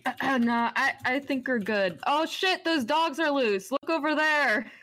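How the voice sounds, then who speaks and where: A woman playing a tabletop game with friends online, excitable and swearing freely. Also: sits high, measured pace, no room sound. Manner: excitable, swears and laughs a lot. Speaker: player. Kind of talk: casual chat during a tabletop game.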